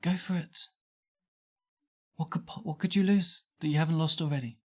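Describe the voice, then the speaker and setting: A woman's voice: sits low, moderate pace, darkish tone. A woman voicing a bold, flirtatious madame with a put-on French accent, coaxing and teasing. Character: flirtatious worldly female brothel madame.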